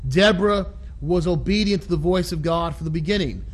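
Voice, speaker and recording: Guy preaching a sermon, voice a bit high, deliberate, says key lines twice for emphasis. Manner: deliberate, repeats phrases for emphasis. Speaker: pastor. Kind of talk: sermon, expounding scripture.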